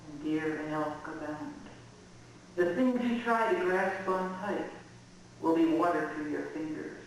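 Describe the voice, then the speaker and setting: A man's voice: on the high side, natural voice. Echoey, kindly ghost of an old-time chief played by a man. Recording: echoey room from far off, faint noise.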